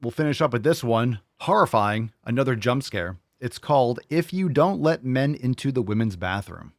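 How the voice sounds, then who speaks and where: A man's voice: medium pitch, lively intonation, normal speed, no room sound, studio quality. Blunt, profane male commentary host. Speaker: show host. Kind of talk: casual live commentary.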